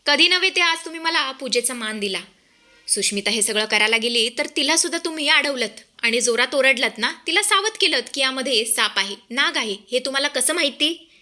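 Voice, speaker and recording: A woman's voice: sits high, pushed and bright. A woman voicing a heroic young daughter-in-law, firm and accusing.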